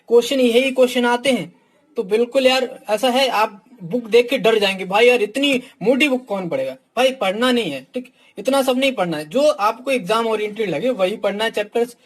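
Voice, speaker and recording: Speaking briskly in a very high voice, a candid male coach gives a relaxed lesson reviewing books for exams. "ठीक" turns up in almost every phrase, and he addresses his students directly as "my dear".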